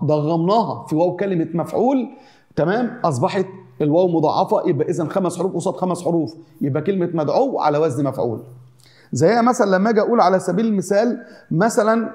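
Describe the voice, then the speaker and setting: A man with an Egyptian accent explains grammar to his students at a rapid clip. His tone is warm and mellow, and he sits a little higher than most men. He keeps circling back to the same examples, chanting them in rhythmic lists. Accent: Egyptian Arabic. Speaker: Arabic teacher. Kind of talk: classroom grammar lesson.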